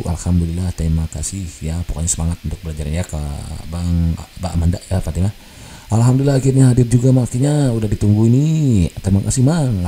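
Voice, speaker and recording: A chatty man reads viewer comments aloud, laughing often and slipping in English phrases. His voice sits low and very dark and mellow. A faint hiss of noise runs behind him. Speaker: channel host reading viewer comments. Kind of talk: casual chat reading comments.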